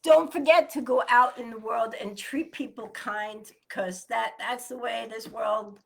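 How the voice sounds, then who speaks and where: A woman's voice: on the high side, fairly even intonation, a little slow, creaky, slight background noise. A woman co-hosting a casual morning chat show, talking in a chatty, loose way and laughing often.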